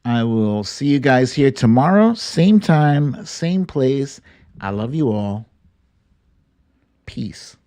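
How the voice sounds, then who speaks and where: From Brooklyn, New York, this man hosts a livestream talk show, chatting informally and with plenty of slang straight to his viewers. His medium-pitched voice is mellow and sing-song, and he speaks slowly.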